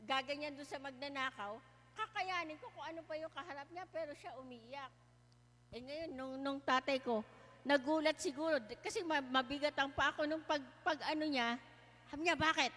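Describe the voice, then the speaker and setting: A woman with a high voice tells her story as a casual testimony. She is lively and laughs often as she talks. Her voice carries a long, echoey reverb. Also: moderate pace. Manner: lively, laughs often while telling stories. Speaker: guest sharing a testimony.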